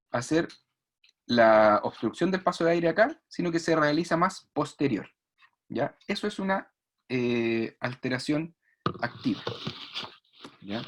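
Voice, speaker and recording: A man's voice: mid-range voice, lively intonation, measured pace, pauses often. A man giving an online speech therapy lecture, explaining patiently, demonstrating sounds and checking "¿ya?" often. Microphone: video call.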